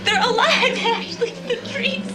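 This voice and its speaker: A woman's voice: extremely high pitch, measured pace. A woman playing a terrified young woman in a horror film, wailing hysterically. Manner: wailing, shouting. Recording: film clip under loud music.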